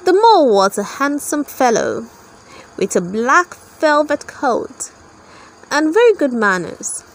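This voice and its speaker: In a high voice, a woman reads a children's story slowly and from a script, using very lively intonation aimed at toddlers. The recording quality is low.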